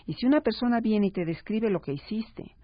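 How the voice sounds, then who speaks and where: A woman, a parenting expert speaking as a guest on a radio talk show, explaining calmly and acting out parents and children. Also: mid-range voice, fairly quick, dry recording. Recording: slightly dull radio broadcast sound.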